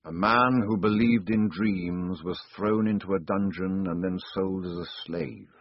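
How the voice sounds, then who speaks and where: A man voicing a cold, solemn old male desert chieftain who speaks slowly and gravely, with a dull, dry recording. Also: deep voice, dry recording. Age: older. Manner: slow, grave, deliberate. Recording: dull, dry studio sound.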